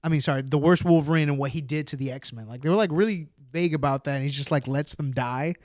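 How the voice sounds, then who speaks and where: A man's voice: on the high side, fast, a little mellow, no echo, studio quality. A man guesting on a movie podcast, talking enthusiastically and filling his sentences with "like" and "yeah". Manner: enthusiastic, heavy use of "like" and "yeah". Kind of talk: casual movie review chat. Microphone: podcast microphone.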